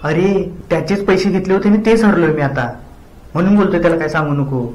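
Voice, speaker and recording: A man playing a worried young man who lost borrowed money, speaking in a low, sulky way. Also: fairly quick, a little mellow, roomy sound, natural voice, low-quality recording. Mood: glum. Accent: Marathi.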